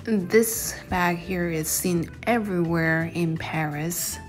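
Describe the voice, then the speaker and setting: A woman's voice: on the low side, slow, over music. A young woman narrating a casual shopping vlog in a chatty, descriptive way. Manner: chatty, descriptive, reviewing products. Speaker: vlogger.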